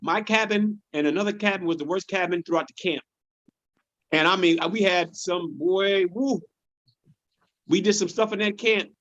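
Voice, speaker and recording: A man who is a comedian, chatting casually on a podcast and telling animated stories, often repeating words as he goes. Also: high voice, normal speed. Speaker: comedian guest. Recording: dull lo-fi sound.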